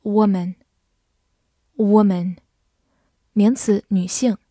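Woman, vocabulary teacher, unhurried, warm low tone, dry close sound. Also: steady tone, no room sound. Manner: says each English word twice, then defines it slowly. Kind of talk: scripted vocabulary lesson narration.

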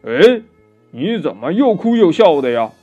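A man voicing a gruff old demon king. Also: a little high, very animated, unhurried, mellow, lo-fi sound, faint music behind, full character voice. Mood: curious. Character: boastful old male cave demon king.

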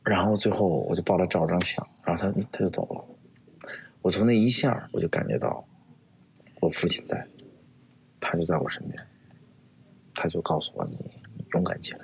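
A man, an actor guest, telling a personal story in a halting way, often repeating words. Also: deep voice, vocal fry, a little hiss or hum.

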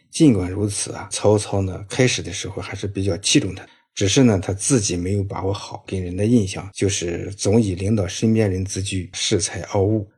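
Husky low-voiced male lecturer. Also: a little mellow. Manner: storytelling tone, pads phrases with filler particles. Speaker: writing instructor. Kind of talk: scripted audio lecture.

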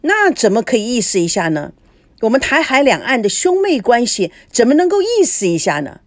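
A woman voices a smooth-talking, flirtatious middle-aged man for a storybook. He wheedles and jokes in a lively, swooping voice, recorded close and dry. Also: a little high, brisk, no echo, voice pushed up. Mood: flirty, glib. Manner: wheedling and glib.

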